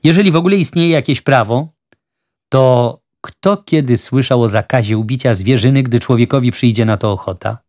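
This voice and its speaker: A man's voice: mid-range voice, moderate pace, a little mellow, dry recording, clean studio sound, lightly acted. A man voicing a proud, stubborn old frontier hunter who grumbles with indignation. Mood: indignant.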